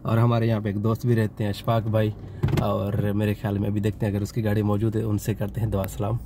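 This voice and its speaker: Talking fast in a lowish, completely flat voice, a man who vlogs and drives deliveries gives informal commentary on what he sees, frequently voicing admiration. The clip was captured in a moving car and outside on a phone held in hand without any external microphone, and loud traffic and outdoor noise fill the background.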